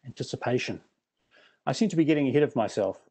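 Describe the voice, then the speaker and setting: A man's voice: medium pitch, lively intonation, racing, warm tone, slightly rough. A middle-aged man with a New Zealand accent, giving a prepared presentation with dry, self-deprecating humour.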